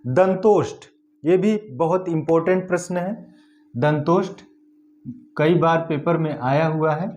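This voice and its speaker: A male teacher giving an exam-prep lesson, slowly sounding out each letter one by one. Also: on the high side, a little mellow. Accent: Hindi-speaking north Indian.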